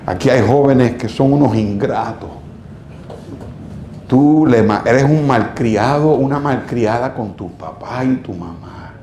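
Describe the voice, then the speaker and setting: A man's voice: mid-range voice, slow, warm tone, slight background noise. Male pastor, sermon, dramatic storyteller, scolding and exhorting, reverberant church room. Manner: dramatic storytelling, acting out quoted voices.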